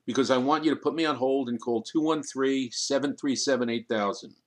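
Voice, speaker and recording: A man's voice: medium pitch, fairly quick, natural voice. A man voicing a blunt, prickly male screenwriter who asks dry, needling questions in an audiobook.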